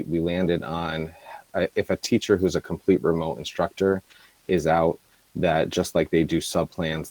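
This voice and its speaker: A very low-voiced man speaks haltingly over a video call from home, restarting his sentences. His connection keeps breaking up, so the call audio cuts in and out. The sound is dry, with no room echo. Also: darkish tone. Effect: video call audio breaking up and dropping out. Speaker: school district administrator. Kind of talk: remote meeting report.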